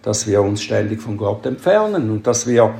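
A man preaching a sermon in a slow, measured way, lifting his voice to stress key words. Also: fairly low pitch, very animated, gravelly, dark tone, roomy sound.

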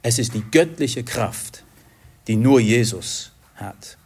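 Slow, husky-voiced male preacher. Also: medium pitch, lively intonation, a little mellow. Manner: slow, earnest, searching for words at times. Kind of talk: sermon.

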